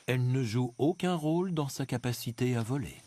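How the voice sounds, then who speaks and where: A man narrating a nature documentary from a script, in a measured, expository storytelling manner with dramatic emphasis. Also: mid-range voice, animated, darkish tone. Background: music bed behind the voice.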